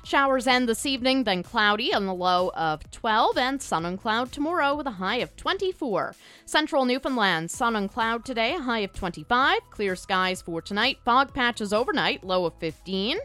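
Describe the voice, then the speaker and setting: Female bulletin reader, fairly high voice, clipped scripted weather delivery. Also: fairly bright tone. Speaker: radio news and weather presenter.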